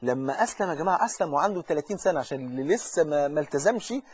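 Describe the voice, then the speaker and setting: Racing and expressive, this husky, fairly high-pitched man delivers a religious lesson in an Egyptian accent. He's fervent and urgent, speaking straight to the listener and frequently restarting or repeating himself.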